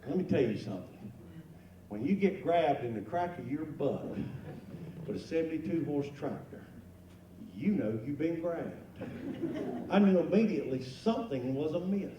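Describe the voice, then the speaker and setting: Man, middle-aged, animated folksy storyteller, slightly high voice, echoey hall, heard from a distance. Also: moderate pace, pauses often, lo-fi sound. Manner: animated, folksy, acts out exclamations and sound effects. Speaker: luncheon guest speaker. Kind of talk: comic storytelling to an audience. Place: large event room at a lunch. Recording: echoey hall from far off, room noise.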